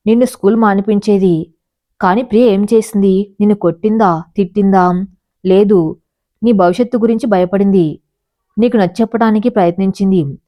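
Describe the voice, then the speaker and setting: A woman voicing a stern middle-aged father who speaks gravely and directly, in a storybook reading. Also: medium pitch, dark tone, lightly acted.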